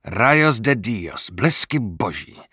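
Man reading a short-fused pirate, furious and emphatic, low voice, dry recording. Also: big pitch swings, sharp tone, breathy edge, dry recording, full character voice. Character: hot-tempered pirate man, fierce and proud.

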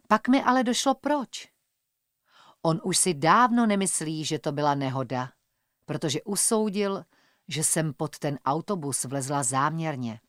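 A woman with a lowish voice reads a first-person story aloud in a measured, tense way. The recording is dry and close, with no room sound. Her delivery is steady, like scripted audiobook narration. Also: dry recording.

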